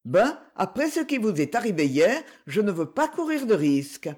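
A reader voicing a gentle, determined woman in her seventies, speaking softly and coaxingly in a slightly raised voice. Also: medium pitch, big pitch swings, normal speed. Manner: soft-spoken, coaxing.

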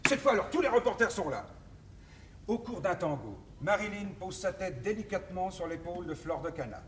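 A man playing an excitable, self-important publicist in a 1960s French comedy film, declaiming with theatrical exasperation. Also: sits high, a little fast. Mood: dramatic lecturing. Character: excitable, scheming, self-important male show-business publicist. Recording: echoey, noisy old film soundtrack, distant.

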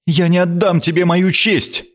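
A man's voice: high voice, lively intonation, unhurried, voice pushed up. A man reading an audiobook, voicing a haughty, frightened queen who speaks imperiously. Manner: imperious, hissing, indignant. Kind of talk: audiobook character voice.

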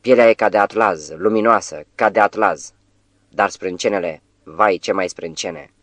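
An astonished young housemaid in an audiobook, as a male reader voices her, asking awed, breathless questions. The voice stays deep, and the sound is dry and close. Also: fairly bright tone, no room sound.

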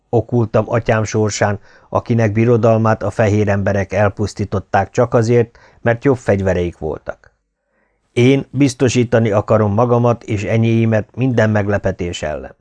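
A man voicing a stately young Inca ruler in an audiobook, speaking in a measured, formal way. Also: on the low side, steady tone, a little mellow, natural voice. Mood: solemn. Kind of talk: audiobook character reading.

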